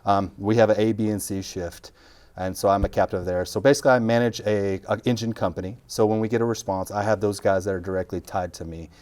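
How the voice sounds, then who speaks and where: A man's voice: fairly low pitch, steady tone, quick pace, darkish tone, clean tone. A middle-aged man, a fire captain joking through a casual interview. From Texas Panhandle. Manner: joking, self-deprecating, talks while chewing.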